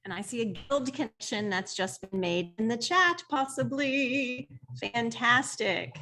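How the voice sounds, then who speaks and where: A woman's voice: on the high side, measured pace, bright, forceful tone, faint music behind. A woman hosting an online membership meeting over a video call, upbeat and cheerful as she welcomes everyone. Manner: upbeat, cheerful emcee, counting down. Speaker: board president hosting meeting.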